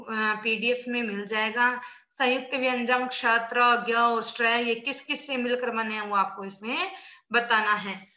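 A woman's voice: on the high side, pushed and bright. A woman teacher giving an online class, explaining step by step and quizzing her pupils as she goes. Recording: dull lo-fi sound in an echoey room.

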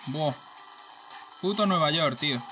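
Excitable, foul-mouthed Spanish gamer man. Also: on the high side, a little slow. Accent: Spain Spanish. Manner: excitable, profane, joking trash talk at rivals. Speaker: gaming channel host. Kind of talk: let's play commentary. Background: racing game music and sounds.

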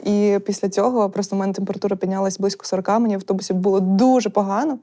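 A young woman talks as a guest in a candid chat, words tumbling out at great speed. Her tone is mellow and soft-edged, and she tells her stories in a lively, chatty way. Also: medium pitch. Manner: rapid, chatty, animated storytelling.

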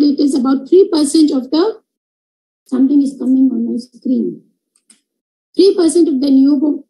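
A middle-aged woman with a North Indian accent lectures over a video call. Her voice sits very high, yet has a soft, dark tone rather than a sharp one. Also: rough recording. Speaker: gynecologist giving a webinar lecture. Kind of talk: slide lecture. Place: indoor room, video call.

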